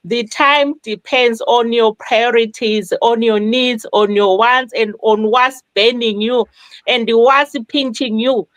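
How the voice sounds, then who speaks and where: Woman, slightly high voice, dry close sound, live panel host. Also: steady tone, takes it slowly, a bit bright, no room sound. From Zimbabwe. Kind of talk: live motivational panel talk.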